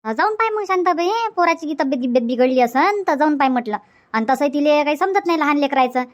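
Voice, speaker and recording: Speaking fast and expressively in a high pitch, a woman dubs a cartoon comedy as a grandmotherly village auntie. She plays her folksy, curious and comforting, with a nosy, worried mood and a Varhadi Marathi accent from Vidarbha.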